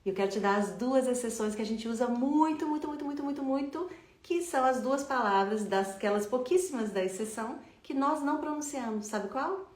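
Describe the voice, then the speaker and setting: A woman teaching English pronunciation, drawing words out slowly and asking the listener to repeat after her. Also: high voice, expressive, a little mellow. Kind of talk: slow, emphatic language lesson. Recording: echoey room.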